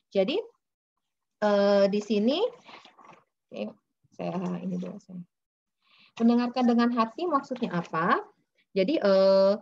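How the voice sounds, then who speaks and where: A woman's voice: medium pitch, dull audio. A woman presenting slides in a webinar, explaining things patiently with many fillers and acting out little examples. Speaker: webinar speaker on child communication.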